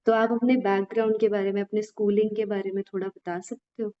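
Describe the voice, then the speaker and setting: This podcast host speaks fairly quickly with a flat delivery in a mid-range voice. She asks her guest casual interview questions, offering frequent agreeing murmurs, on a dull lo-fi recording.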